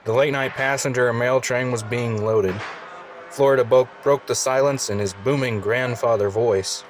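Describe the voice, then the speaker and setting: A man's voice: medium pitch, steady tone, moderate pace. Man narrating an earnest audio story. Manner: earnest, reflective first-person telling.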